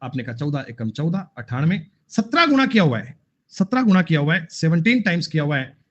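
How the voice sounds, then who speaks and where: A man's voice: a little high, big pitch swings, fast talker, lo-fi sound. A man teaching an online math class, repeating points and scolding students in a teasing way. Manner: scolding, repetitive, addresses students as beta.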